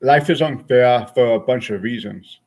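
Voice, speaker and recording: A man's voice: medium pitch, normal speed, darkish tone. A man of forty chatting casually and frankly with his stream viewers, rambling from thought to thought. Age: 40s.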